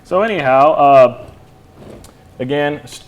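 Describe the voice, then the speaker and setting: A man explaining a lighting fixture in a casual demo chat, relaxed and rambling, with lots of "you know". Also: a little high, slow pace, muffled recording. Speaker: lighting product expert.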